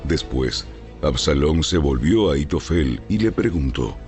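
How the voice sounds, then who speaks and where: A man giving a dramatized scripted narration of the Bible in a booming, solemn storytelling manner. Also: lively intonation, measured pace, darkish tone. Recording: music behind.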